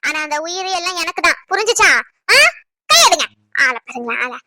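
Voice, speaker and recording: A woman's voice: extremely high pitch, animated, fast talker, sharp tone, dry recording, full character voice. A young woman voicing a pregnant wife who scolds and teases playfully, then turns tender. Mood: jealous teasing.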